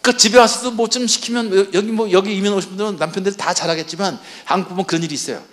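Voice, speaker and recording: A man's voice: sits high, fairly even intonation, very fast, fairly bright tone. A man speaking at a church marriage seminar. He asks the audience questions and acts out what spouses say to each other. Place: church hall before an audience.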